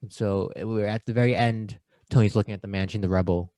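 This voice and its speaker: A man co-hosting a podcast in casual chat, playful and quick to act out lines. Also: on the low side, steady tone, warm tone, dry recording. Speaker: podcast co-host.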